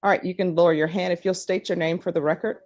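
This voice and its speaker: A woman's voice: fairly low pitch, steady tone, fast talker, darkish tone. A woman presiding over a court hearing as the judge, giving instructions and questioning counsel.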